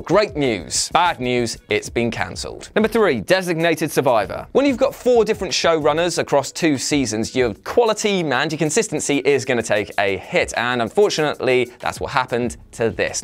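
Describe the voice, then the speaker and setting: A man in his thirties hosting a chatty, jokey scripted countdown in a wry manner, his diction slightly mush-mouthed from a mouth ulcer. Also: medium pitch. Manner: animated, wry, punning. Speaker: host of an online list show. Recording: music behind the voice. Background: background music.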